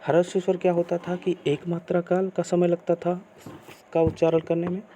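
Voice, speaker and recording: A man teaching a grammar lesson, asking questions and answering them himself in slow, repeated teacherly phrasing. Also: high-pitched, monotone, warm tone, slight background noise.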